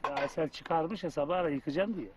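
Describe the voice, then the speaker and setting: A man who heads the family, talking in a relaxed, dismissive way. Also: a little high, fast. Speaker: head of the family. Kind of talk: casual conversation. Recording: distant, noisy recording.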